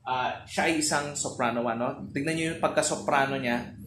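A male choral teacher talks through a relaxed online lesson, explaining step by step and checking in often with a quick question tag. His voice sits at a middle pitch. It rings in a roomy space, with faint noise underneath. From Philippines.

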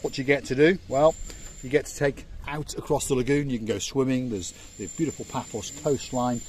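An older man hosts a casual walking vlog along a seaside harbour promenade, joking and chatting like a tour guide into a handheld phone. His mid-range voice is a little mellow and a little fast, with fairly even intonation. Faint outdoor noise is audible.

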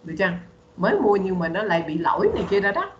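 A woman's voice: mid-range voice, sing-song, fast talker, reverberant, dull audio, noisy background. A woman teaching English on a video call, patiently repeating words for students to practice. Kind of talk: online bilingual English lesson.

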